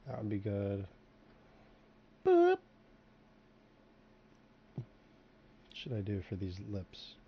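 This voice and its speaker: Rambling low-voiced man chatting while sculpting. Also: fairly even intonation, moderate pace, hardly any pauses, breathy edge, dull audio. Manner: rambling, heavy on fillers like "you know" and "like"; swears casually. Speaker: host sculpting in 3D software. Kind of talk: casual chat while working.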